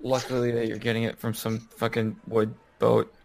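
Male tabletop player, average pitch, casual bantering delivery with mock indignation. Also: monotone, moderate pace, creaky, very noisy. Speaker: tabletop role-playing player.

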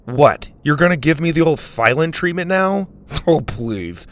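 A man's voice: fairly high pitch, lively intonation, unhurried, fairly bright tone, voice pushed up. A man doing a brash, needling teenage boy. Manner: needling, mocking.

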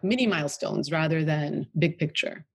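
A woman from Washington DC chats as a guest in a casual interview, loose and talkative, peppering her speech with "you know" and "like". Her voice is low-pitched and slightly rough, at a moderate pace.

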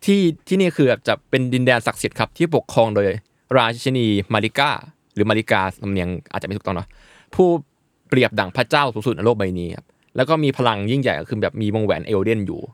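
A man's voice: lowish voice, expressive, fast talker, no echo, clean studio sound. A man co-hosting a casual chat, explaining a game's story at length with offhand, sometimes crude remarks. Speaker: podcast co-host explaining a game.

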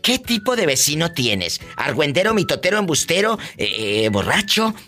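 A woman hosting a call-in radio show, teasing and gossipy, with bursts of loud laughter. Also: low-pitched, big pitch swings, moderate pace, faint music behind. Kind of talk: playful call-in radio chat.

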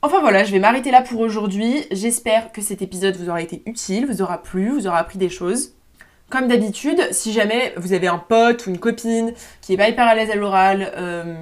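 Young woman chatting on her own podcast, super casual, lots of slang and ums, normal mid voice. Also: mid-range voice. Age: young adult. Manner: chatty and informal, with slang and frequent fillers. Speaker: podcast host. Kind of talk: casual solo podcast talk. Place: room at home, seated on a chair.

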